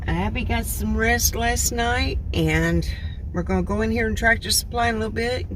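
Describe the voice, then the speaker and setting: A woman talking casually and plainly to viewers as an RV travel vlogger, in an unhurried, chatty way. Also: mid-range voice. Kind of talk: casual travel vlog narration. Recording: distant mic, clear vehicle and wind noise.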